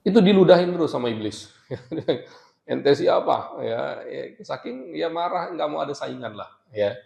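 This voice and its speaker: A man's voice: on the high side, lively intonation, measured pace, vocal fry, darkish tone, reverberant. A man teaching a religious study session, explaining step by step with rhetorical questions and a habit of adding "ya" after each point. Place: mosque during a retreat.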